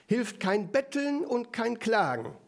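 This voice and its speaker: Ein strenger Hasenlehrer, von einem Mann gespielt, warnt eindringlich und theatralisch in hoher Stimmlage. Es klingt wie dramatisch vorgelesen aus einem Kinderbuch. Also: male voice, extremely high pitch, very animated, takes it slowly, vocal fry, voice pushed up, heavily acted. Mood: warning. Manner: emphatic, theatrical warning. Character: stern male rabbit school teacher warning.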